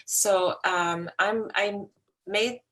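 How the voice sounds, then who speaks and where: A woman's voice: mid-range voice, fairly even intonation, extremely slow, pushed and bright. A middle-aged woman from Lebanon, an artist talking casually about her work with frequent restarts. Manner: conversational, with restarts. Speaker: artist guest.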